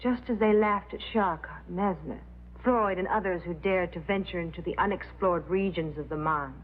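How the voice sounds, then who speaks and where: An actress playing a con artist who poses as a loyal, prim assistant, earnest and formal in a vintage crime drama. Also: female voice, fairly low pitch, normal speed, lightly acted. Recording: tinny old TV soundtrack, faint hum.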